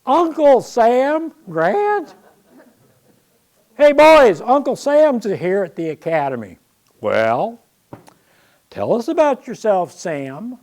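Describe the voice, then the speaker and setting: A man's voice: extremely high pitch, huge pitch swings, drawn-out words, darkish tone, voice pushed up, exaggerated voice. A man voicing a brash young male cadet from Western Ohio, calling out across a parade ground. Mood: teasing.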